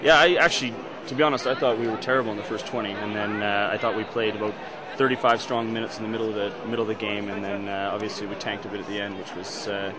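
Captain in his 30s, quick and blunt about how they played, crowd noise behind. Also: on the low side, fairly even intonation. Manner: candid, self-critical. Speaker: team captain. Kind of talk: post-match interview. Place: outdoor stadium, post-match.

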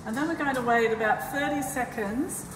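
A cooking lesson in a large school kitchen features an older woman from Australia, cheerfully explaining each step in a fairly high voice at a moderate pace. The camera sits far away, leaving the recording echoey with background noise.

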